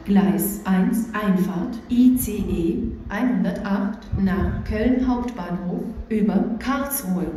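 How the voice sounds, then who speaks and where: A woman reading flat, scripted railway platform announcements in measured, separate phrases as a station announcer. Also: mid-range voice, a little hiss or hum, low-quality recording.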